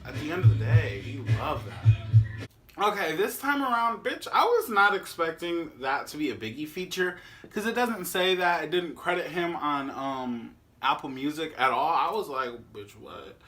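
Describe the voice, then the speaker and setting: A man reacting to songs in his living room, gushing, swearing and shouting in bursts as the music plays. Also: on the high side, big pitch swings, normal speed. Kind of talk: casual reaction commentary. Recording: loud music playing in the room. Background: loud music from a room speaker.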